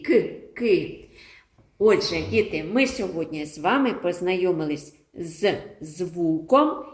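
A woman teaching a lesson to young children, speaking slowly and gently in a sing-song way. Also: on the low side, expressive. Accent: Ukrainian. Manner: slow, sing-song, addresses little children. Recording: echoey room.

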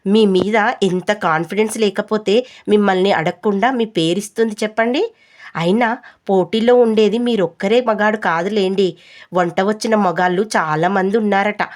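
A woman voicing a young wife who hushes and coaxes her husband in a storybook tale. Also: medium pitch, moderate pace, close to an everyday voice. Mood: coaxing. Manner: hushed, coaxing.

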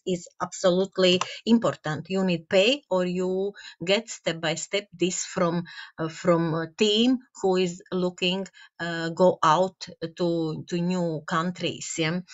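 A woman in her fifties with a Latvian accent gives an informal business presentation in halting, hesitant non-native English. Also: lowish voice, dull audio. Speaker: network marketing team leader, presenter. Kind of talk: informal online business presentation over slides.

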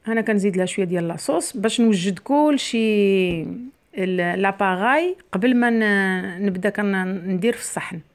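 A middle-aged Moroccan woman who hosts a cooking channel chats away casually while she cooks in her home kitchen, talking straight to viewers in a Moroccan Arabic accent. Her voice is medium-pitched and fairly quick. The mic sits on the counter, with the camera near the worktop and her mostly off frame.

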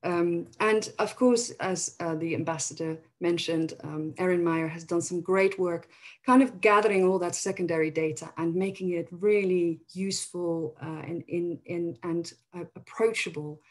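Dutch woman academic, lowish husky voice, webinar talk with fillers. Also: steady tone, normal speed, poor audio. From Netherlands. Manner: thoughtful, explanatory, with frequent fillers. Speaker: academic presenter. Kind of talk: webinar presentation. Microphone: video call.

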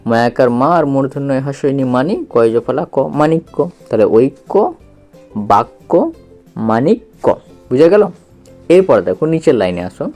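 Man, reading teacher, patient, repetitive, spells syllables aloud, soft music underneath. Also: mid-range voice. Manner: slow, repetitive, patient explaining with questions to the learner.

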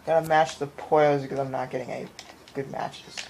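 A man delivers casual, excitable let's play commentary as a video game player and commentator, often repeating phrases and mimicking game sounds. His mid-range voice moves fairly quickly, with a slight hiss or hum. He sits in front of a TV in a room at home, captured on a handheld camera or phone mic with game music playing behind him.

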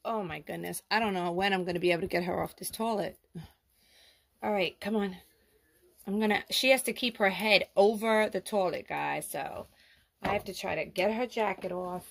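A woman's voice: mid-range voice, moderate pace, gravelly. A woman narrating a doll role-play vlog, fussing over a sick doll in a soothing tone and talking to her viewers. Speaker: doll vlogger.

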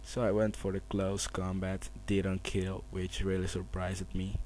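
Hum and noise from a camera mic run under a man's slow, low, hushed monotone as he narrates his own game battle. He's at home at night keeping quiet so those asleep aren't woken, giving casual commentary.

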